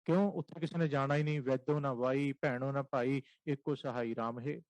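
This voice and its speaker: A man with a Punjabi accent preaching a Sikh sermon, chanting scripture lines slowly and repeating short phrases for emphasis. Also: medium pitch, steady tone, a little mellow, dry recording, rough recording.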